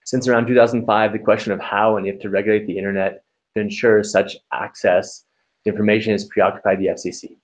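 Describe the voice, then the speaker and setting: A man on a panel, co-founder of a small software company, reading measured, formal prepared remarks. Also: on the low side, flat delivery, poor audio.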